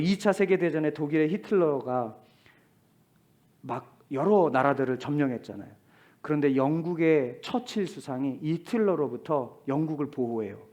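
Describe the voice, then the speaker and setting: Animated preaching man, loud then whispering. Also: fairly high pitch. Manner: swings between loud exclamations and hushed whispers. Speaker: pastor. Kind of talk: sermon. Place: church sanctuary.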